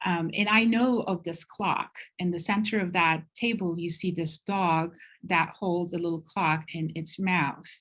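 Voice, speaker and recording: A middle-aged woman from Turkey giving a slide presentation at a university talk, speaking in an unhurried, thoughtful way with frequent ums. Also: lowish voice, fairly even intonation, fairly bright tone.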